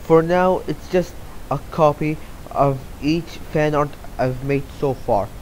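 A young Saudi man, an artist appearing as an interview guest, gives casual, rambling answers to questions read out to him, full of fillers and restarts. His voice is on the high side, slow, and darkish in tone. The recording is low quality with slight background noise.

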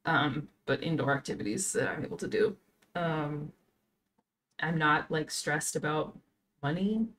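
Twenties woman with a low voice, hosting a casual home podcast, thinks out loud. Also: a little slow. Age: 20s. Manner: earnest, thinks aloud. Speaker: podcast host. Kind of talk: casual chat. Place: home streaming room.

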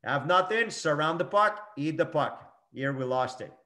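A man's voice: a little high, expressive, normal speed, sharp tone. A middle-aged hockey coach talking through game clips in short, emphatic phrases and repeating his key points. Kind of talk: coaching talk over game video clips.

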